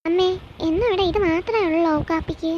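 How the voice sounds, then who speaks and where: A woman's voice: very high-pitched, brisk. A woman voicing a spoiled, rich young daughter-in-law in a cartoon, whining and demanding in a petulant way. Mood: indignant. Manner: whiny, petulant complaining. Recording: dull lo-fi with faint hiss.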